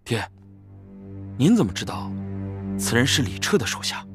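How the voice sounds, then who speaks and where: A man's voice: mid-range voice, very animated, moderate pace, over music, lightly acted. An actor playing a young son who fusses over and soothes his angry father. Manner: fussing, placating. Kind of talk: costume comedy drama acting.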